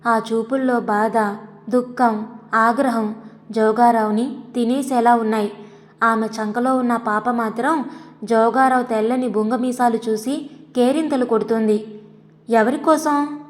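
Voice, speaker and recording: A woman storyteller narrates an audio story in a measured, dramatic manner. Her voice is fairly high, and the recording has a long, hall-like reverb. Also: steady tone.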